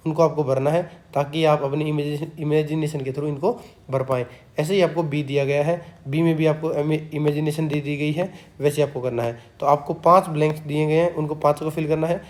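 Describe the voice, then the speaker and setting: A man tutoring students through an exam paper. He reads English definitions slowly, then explains them in Hindi. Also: on the high side, darkish tone. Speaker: exam tutor, channel host. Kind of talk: exam-prep lesson explaining a question paper.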